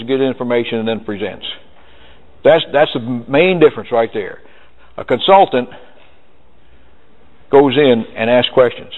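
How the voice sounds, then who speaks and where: Folksy male sales trainer in a tinny hall. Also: mid-range voice. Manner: folksy, animated storytelling with acted quotes. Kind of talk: live sales seminar talk. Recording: tinny lo-fi recording in a reverberant hall.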